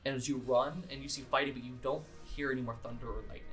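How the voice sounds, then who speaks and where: A man narrating as game master of a tabletop game in a casual, animated way. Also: mid-range voice, quick pace, soft background music. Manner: casual, animated, swears and laughs while narrating.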